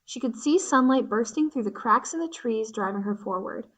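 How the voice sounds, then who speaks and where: A woman narrating a storybook in an expressive, descriptive reading. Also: on the high side, normal speed.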